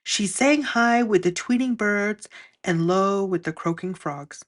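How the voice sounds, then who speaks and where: Reading a children's picture book aloud, a woman storyteller uses expressive, deliberate phrasing and draws out her emphasis. Her voice is mid-range.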